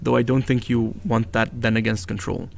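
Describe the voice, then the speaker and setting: Gravelly-voiced male game commentator. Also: lowish voice, little pitch movement, moderate pace. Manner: analytical, chatty and joking. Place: event venue.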